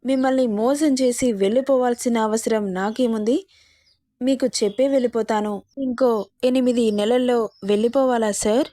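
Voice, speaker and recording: A woman's voice: a little high, steady tone, moderate pace, warm tone, dry recording, clean studio sound, close to an everyday voice. A woman voicing a shy, respectful young heroine answering her employer in a romance story. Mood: timid. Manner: polite, respectful.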